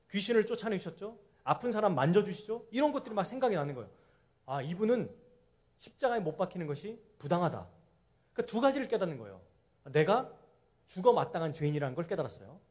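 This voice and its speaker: A man preaching a sermon at a summer camp, telling the story in an animated way and asking his listeners questions. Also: high voice, slightly rough. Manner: animated storytelling, acting out the criminals' voices; asks the audience questions and leads group Bible reading. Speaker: pastor.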